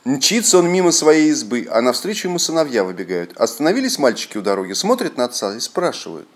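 Мужчина читает народную сказку живо и выразительно. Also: male voice, medium pitch, fast talker. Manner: expressive, animated storytelling. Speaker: storyteller. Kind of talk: fairy tale reading.

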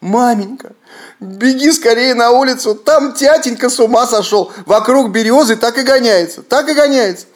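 Мужчина озвучивает маленьких деревенских мальчиков, тонко и встревоженно зовущих. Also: male voice, sing-song, normal speed. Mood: frightened. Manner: high, pleading, alarmed. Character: frightened village boys, small children.

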